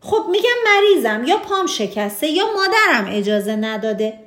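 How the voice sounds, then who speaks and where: A woman's voice: fairly high pitch, very animated, fairly bright tone. A woman voicing a proud, stubborn king in a children's storybook, talking in a raised, insistent way. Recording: roomy echo.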